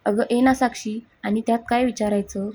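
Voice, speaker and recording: A woman reading the lines of a kind, coaxing mother-in-law, in a husky voice. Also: a little high, steady tone, a little fast. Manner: warm, coaxing.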